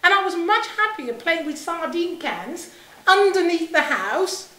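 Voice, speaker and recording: Woman from Saint Kitts, middle-aged, high voice, impassioned public speaker, emphatic, rhetorical, roomy echo. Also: lively intonation, a little slow, sharp tone. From Saint Kitts in the Caribbean, moved to England aged seven. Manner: emphatic, rhetorical, with repetition and questions. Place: indoor room, speaking to an audience. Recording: roomy, echoing live talk.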